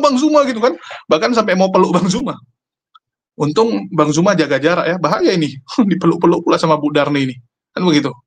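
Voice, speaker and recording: A man giving casual, argumentative commentary to his viewers, mocking his opponents. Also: high voice.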